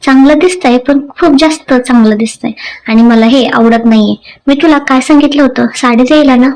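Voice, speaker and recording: Jealous young husband, as a woman reads him, short-tempered, clipped angry lines, storybook reading, high-pitched. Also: moderate pace, a little mellow, a little hiss or hum, poor audio.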